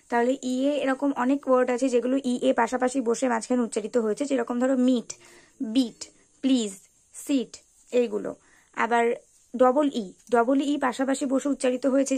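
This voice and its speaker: A woman's voice: fairly high pitch, gravelly, darkish tone. A woman teaching an English lesson for beginners, carefully spelling out example words one by one. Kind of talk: explanatory tutorial lesson.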